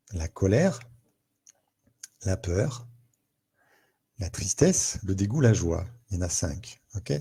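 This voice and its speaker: A man's voice: lowish voice, vocal fry, mellow, slightly rough. A man speaking as a therapist in a live talk, thinking aloud, repeating words and acting out everyday scenes to explain emotions.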